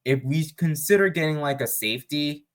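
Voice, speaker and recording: A man hosting a sports fan vlog, thinking aloud in casual, unscripted commentary with pauses and fillers. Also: a little high. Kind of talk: casual mock draft commentary.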